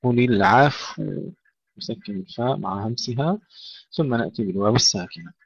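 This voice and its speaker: A man with a gravelly, husky voice teaches recitation rules, intoning short verse phrases slowly and then explaining each sound carefully. The recording is dry and dull, like a lo-fi close mic. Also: fairly low pitch, expressive, dry recording. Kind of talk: tajweed lesson.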